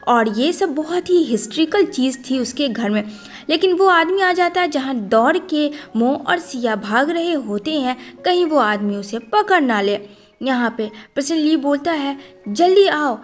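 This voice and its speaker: A woman narrating a movie story recap in a brisk storytelling manner. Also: high voice, expressive. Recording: faint background music.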